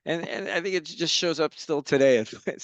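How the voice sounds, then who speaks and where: A man from Los Angeles, a guest facilitator, talking enthusiastically in a conversational interview over a video call, telling lively stories. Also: a little high, moderate pace, no room sound. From Los Angeles, United States.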